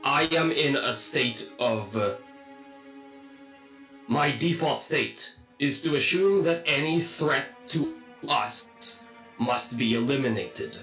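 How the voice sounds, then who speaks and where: A man's voice: medium pitch, takes it slowly, vocal fry, pushed and bright, roomy sound, faint music behind, heavily acted. A man voicing a literal-minded, cold male construct in a stiff, formal robot voice for a tabletop game. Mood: calm, literal. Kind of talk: playing a character in a tabletop game.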